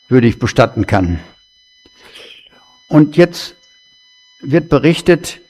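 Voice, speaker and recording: Man, preacher, sermon, slow and deliberate, chatty asides, long hall reverb. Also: mid-range voice, darkish tone.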